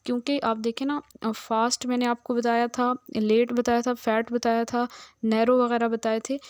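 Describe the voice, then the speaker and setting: Woman teacher, patient step-by-step grammar lecture, higher voice, dry close sound. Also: little pitch movement, moderate pace, darkish tone, clean tone, dry recording. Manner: patient, explains step by step with frequent "theek hai" check-ins.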